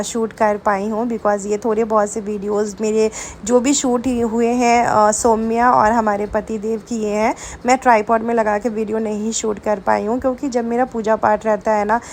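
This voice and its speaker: Young woman from India, vlogger, chatty, fairly high voice, faint background noise. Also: darkish tone. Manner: chatty, addresses viewers as guys. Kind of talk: casual vlog chat.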